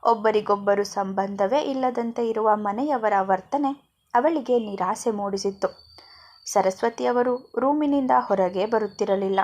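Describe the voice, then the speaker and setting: Brief: woman storyteller, mid pitch, calm measured story narration.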